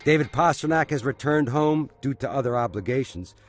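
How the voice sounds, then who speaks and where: Animated and moderately paced, a man of medium pitch narrates a scripted documentary as a studio voice-over. He takes an upbeat, wry storytelling approach, backed by a soft music bed.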